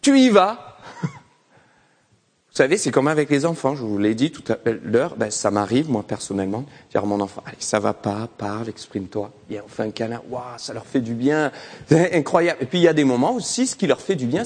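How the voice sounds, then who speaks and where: A man preaching a sermon and leading a prayer, moving between soft asides and loud, emphatic exhortation. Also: mid-range voice, animated, fast talker, husky. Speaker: pastor. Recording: long reverb of a large hall.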